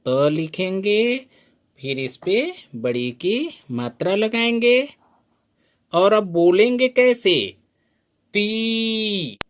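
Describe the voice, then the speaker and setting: A Hindi teacher with a fairly high, expressive voice gives a slow spoken lesson at a board. He is deliberate and unhurried, drawing out every syllable and repeatedly asking the learner how to read it, in the manner of a patient classroom lesson.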